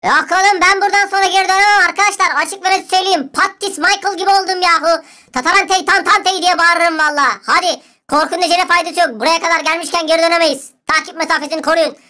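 A woman voicing an eager, excitable boy who rushes loudly into adventure. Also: very high-pitched. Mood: excited.

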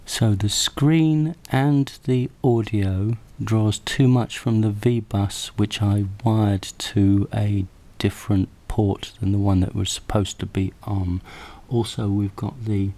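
In a noisy, clicky handheld camera recording made on the camera's own mic, a man demos a hardware prototype casually, hesitant and thinking out loud. He speaks slowly with hardly any pauses, in a lowish, fairly even, dark voice.

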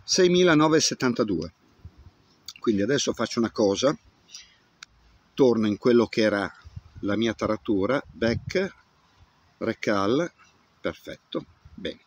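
Recorded by a camera at roughly arm's length, a fifty-something ham radio operator works outdoors on a grassy field, casually demonstrating and muttering through the steps. He speaks with a lowish, expressive voice at a measured pace, pausing often.

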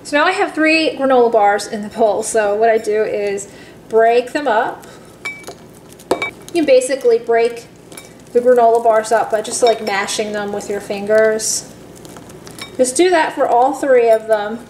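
A cooking channel host with a fairly high, slightly mellow voice and measured pace walks viewers step by step through a simple recipe. She chats along and calls them guys, in an echoey room with faint background noise.

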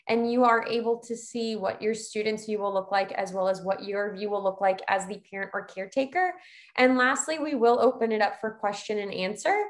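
A woman with a fairly high voice presents on a video call. She speaks in an organised webinar style, walking listeners through things as a company presenter. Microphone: video call, computer microphone.

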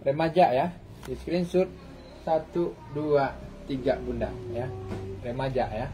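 A man's voice: medium pitch, measured pace, warm tone, faint music behind. A man in his thirties selling clothes on a live stream with repetitive, hawker-like calls, recorded on a phone in a shop. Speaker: live online clothing seller. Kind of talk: live sales pitch.

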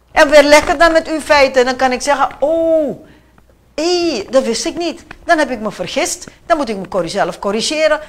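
A middle-aged woman with a Surinamese Dutch accent, a guest on a talk show, speaking emphatically with rhetorical questions and English phrases mixed in. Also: sits high. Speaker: guest commenting on politics.

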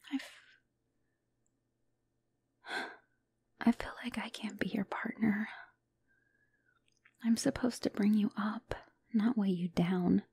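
Husky, creaky, and a little mellow, a woman's medium-pitched voice comes through a dry recording. She voices a nervous, self-doubting young spider-woman girlfriend in ASMR roleplay, hesitant and emotional, often slipping into a whisper, with an ashamed, whispering mood.

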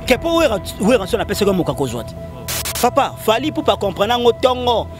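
Interview guest, man, high voice, animated and opinionated, outdoors on a handheld mic, music under it. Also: quick pace. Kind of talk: casual interview talk. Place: outdoors against a concrete wall. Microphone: handheld microphone held by the host.

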